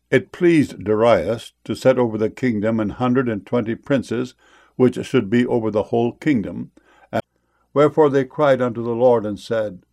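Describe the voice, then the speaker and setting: A man reads old King James scripture aloud, his voice gravelly with a touch of fry. He keeps a solemn, measured pace, taking each verse on its own. His pitch sits in an ordinary middle range. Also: a little mellow. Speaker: scripture reader.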